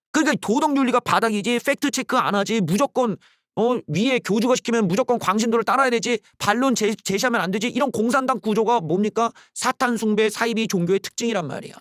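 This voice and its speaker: A man hosting solo political commentary, blunt and scornful, ranting with rough slang. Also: very high-pitched, no room sound, studio quality. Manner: mocks slogans in loud shouted bursts.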